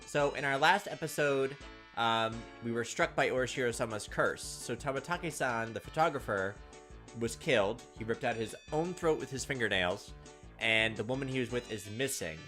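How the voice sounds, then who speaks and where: Over background music, a gameplay host with a mid-range, fairly bright voice speaks at a moderate pace. A winter-induced sore, scratchy throat gives him a raw sound as he reads visual novel text aloud and adds casual, wry remarks.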